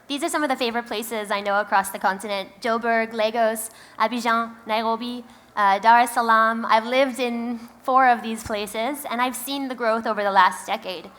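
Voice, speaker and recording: A woman's voice: on the high side, fairly even intonation, moderate pace, a bit bright. A woman with a Queens, New York accent giving a conference keynote in an emphatic, conversational, wry manner. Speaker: company founder, keynote speaker.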